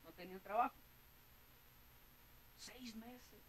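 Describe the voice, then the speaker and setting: High-voiced Mexican preacher, earnest. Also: male voice, takes it slowly, fairly bright tone, slight background noise, rough recording. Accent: Mexican Spanish. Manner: earnest, repeats words, keeps addressing listeners as brother. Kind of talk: sermon with personal testimony.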